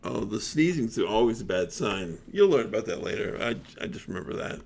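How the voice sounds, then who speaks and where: A man's voice: lowish voice, big pitch swings, brisk, creaky, a little mellow, slightly rough. A man streaming a game, reading dialogue aloud with chatty asides.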